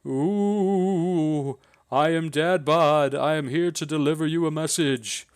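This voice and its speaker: A man voicing a solemn ghostly man who delivers a prophecy, speaking slowly and portentously. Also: on the high side, clear, resonant tone, no echo, studio quality, voice pushed up. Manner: slow, drawn-out, portentous delivery.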